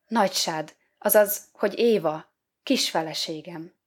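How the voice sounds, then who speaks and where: A woman's voice: on the low side, husky. A woman voicing Adam, a timid, flustered young man who stammers and speaks bashfully in a storybook reading.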